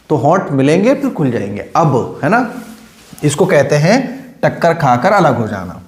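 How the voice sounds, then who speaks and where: Male recitation teacher, patient and repetitive, slightly high voice, roomy echo. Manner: patient, repeats syllables slowly with drills and questions. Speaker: Quran reading teacher. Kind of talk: online recitation lesson.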